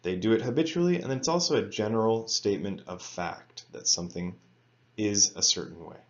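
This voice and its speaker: A man teaching an English grammar lesson to students, reading example sentences slowly and carefully. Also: on the low side, muffled recording. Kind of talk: recorded lecture for students.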